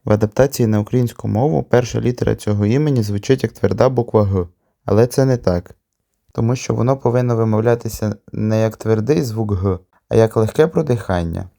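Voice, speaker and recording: A man teaching a language lesson on video, explaining calmly and patiently. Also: fairly low pitch, brisk, vocal fry, dry recording, clean studio sound.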